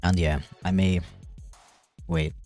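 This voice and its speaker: A man's voice: low voice, little pitch movement, slow pace, a little mellow, faint music behind. A man streaming while he animates, chatting casually and rambling with a self-deprecating tone and lots of fillers. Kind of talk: casual livestream chat.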